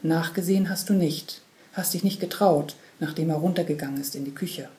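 A woman narrating a literary story in a quiet, measured way. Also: low voice. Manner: quiet, measured second-person telling. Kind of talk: literary reading.

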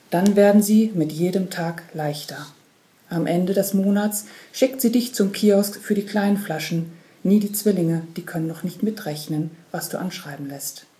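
A woman with a fairly low voice gives a literary reading, narrating a story in the second person. Her telling is quiet and measured.

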